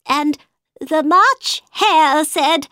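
A woman's voice: high voice, very slow, sharp tone, no echo, studio quality, pitched above the performer's own voice, heavily acted. A woman voicing a nervous, muddled male hatter who pleads and fumbles in court. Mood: flustered. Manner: flustered, pleading.

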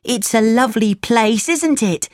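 A woman's voice: on the high side, unhurried, no room sound, clean studio sound, pitched above the performer's own voice. A woman voicing a boastful schoolboy who talks up a place of endless play. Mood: cheerful. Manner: lively and boastful. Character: boastful boy, eager for fun.

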